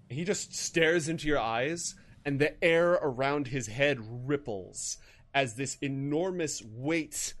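A man's voice: mid-range voice, fairly bright tone. Man narrating as a game master. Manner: dramatic, deliberate narration with casual rules asides. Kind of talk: narrating a tabletop role-playing game.

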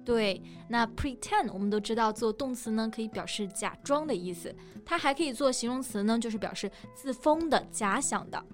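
Woman co-host for an English lesson podcast, fairly high voice, faint music under her. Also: expressive, moderate pace, hardly any pauses. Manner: explains word meanings step by step. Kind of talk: bilingual language lesson.

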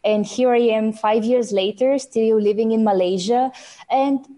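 A woman's voice: on the high side, steady tone, measured pace, mellow. A woman from Bulgaria, a guest on a podcast, chatting about her life and work with easy fillers. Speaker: podcast guest, web developer. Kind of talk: casual interview answers.

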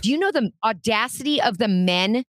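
A woman's voice: on the high side, animated, a little fast, fairly bright tone, dry recording, studio quality. Blunt, exasperated middle-aged woman. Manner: blunt, exasperated, swears freely. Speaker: co-host. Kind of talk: casual political chat.

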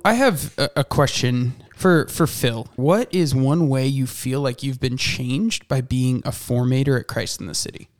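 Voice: mid-range voice, unhurried, hardly any pauses. A podcast host leading a casual question-and-answer segment, putting friendly, teasing questions to the guests.

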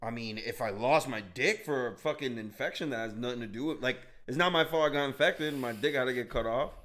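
A man's voice: medium pitch, fast talker, fairly bright tone. A man with an American accent bantering casually and crudely as a talk show co-host, in a slangy frat-bro manner.

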